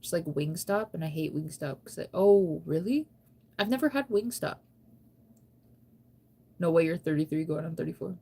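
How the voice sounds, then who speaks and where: With a low, expressive voice that's mellow and breathy at the edges, she speaks at normal speed but pauses often. She's an American woman in her thirties on a casual late-night livestream, reading viewer comments and responding. The chat wanders, playful and self-teasing.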